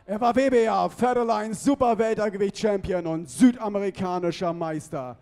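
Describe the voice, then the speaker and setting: A man announcing fighters at a boxing arena, stretching out the names in drawn-out shouts. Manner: booming, drawn-out name calls. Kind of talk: ring announcement.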